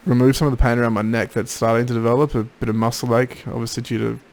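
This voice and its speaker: A man, tired and drowsy after throat surgery, talking in a low-energy way in a casual video diary. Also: little pitch movement, fast, gravelly, darkish tone. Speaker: patient keeping a recovery video diary. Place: home office.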